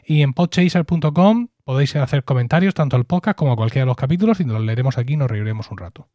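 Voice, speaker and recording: A man's voice: medium pitch, animated, fast talker, warm tone, no room sound. A man from co-hosting a podcast in casual chat, jokey and chatty, often restarting his words. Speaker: podcast co-host.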